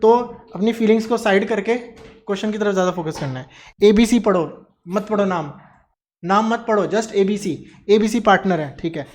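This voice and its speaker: A man's voice: high voice, normal speed. A man teaching accounts in a classroom lecture. He mixes Hindi with English terms and asks questions that he answers himself. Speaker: commerce teacher.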